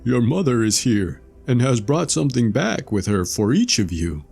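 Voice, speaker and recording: A man's voice: mid-range voice, big pitch swings, normal speed, gravelly, darkish tone, breathy edge, faint music behind, pitched above the performer's own voice, heavily acted. A man voicing a sly, deceiving male wolf in a read-aloud storybook, falsely sweet and wheedling.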